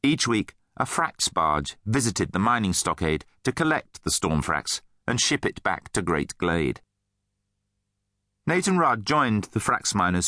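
A man narrating a children's fantasy audiobook in an expressive, animated storytelling manner. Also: lowish voice, no echo, studio quality.

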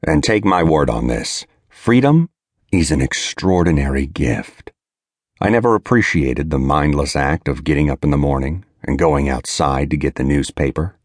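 A man's voice: extremely low pitch, darkish tone, no room sound, studio quality. A man narrating an audiobook in the first person, with a bitter, world-weary confessional manner.

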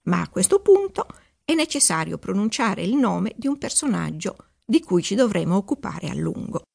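A woman narrating her own children's audiobook in a playful, expressive way. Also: mid-range voice, normal speed, creaky, husky. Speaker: author reading her own book.

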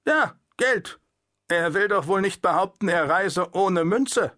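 Ein Mann spricht einen herrischen preußischen Wachposten. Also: male voice, sits high, lively intonation, slow, sharp tone, no room sound, studio quality, voice pushed up, exaggerated voice. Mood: commanding. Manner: domineering, condescending, barking orders. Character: overbearing male Prussian sentry, adult, suspicious.

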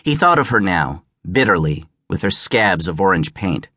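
A man narrating an audiobook as scripted narration, measured and even, on a close studio mic. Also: low voice, dry recording.

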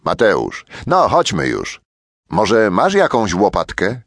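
A man's voice: fairly low pitch, wildly swooping pitch, slow, a bit bright, dry recording, studio quality, exaggerated voice. A man voicing a bossy, impatient young boy in a children's audiobook. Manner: impatient, scolding.

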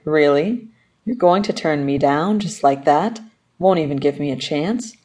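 A woman's voice: sits low, animated, a little slow, dark tone. A woman voicing an arrogant wealthy male company owner who speaks in a smug, commanding way.

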